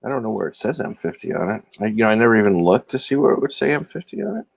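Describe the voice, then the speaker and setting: A man's voice: on the low side, big pitch swings, racing, gravelly, breathy edge, no echo. A man hosting a casual livestream, rambling and self-deprecating as he talks to viewers from a room. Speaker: livestream host. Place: indoor room. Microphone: phone or laptop camera mic.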